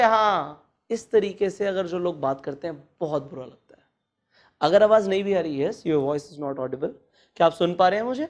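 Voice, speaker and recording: A man giving casual etiquette advice, slipping English phrases into his talk and counting off numbered points. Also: sits high. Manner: acts out bad habits in a mocking voice. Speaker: etiquette coach.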